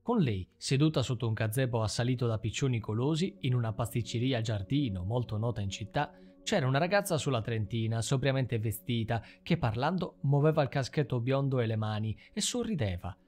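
A man reading stories aloud as the host of a storytelling channel, in a calm, even manner. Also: medium pitch, fairly quick, few pauses. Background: background music.

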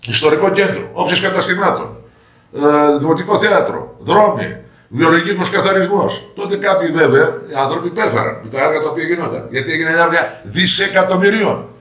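A man's voice: on the high side, a bit bright. An older man, a parliamentary candidate, answering interview questions with anecdotes and acted-out quoted dialogue. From Greece. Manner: storytelling, acting out quoted dialogue. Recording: roomy echo.

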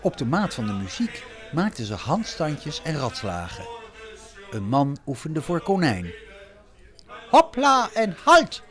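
Slow expressive male storyteller. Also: mid-range voice, soft background music. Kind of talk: scripted children's story narration.

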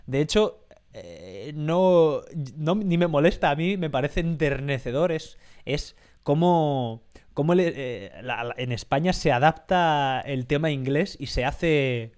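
A man's voice: fairly high pitch, animated, takes it slowly, darkish tone, clear, resonant tone. Rambling Spanish man hosting a podcast. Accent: Spain Spanish. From Spain. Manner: rambling, many restarts and fillers. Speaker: podcast host. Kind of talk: casual podcast chat.

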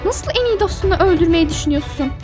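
A woman's voice: very high voice, expressive, a little mellow, faint music behind. A woman voicing a protective young older sister in a toy-figure drama, pleading and caring by turns. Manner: pleading then tender, fast-shifting.

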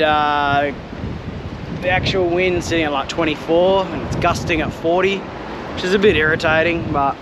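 An Australian man vlogging from a small boat on a windy river, talking in a laid-back, slangy way with sudden loud whoops. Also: sits high. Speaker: fishing vlogger. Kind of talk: casual outdoor vlog narration.

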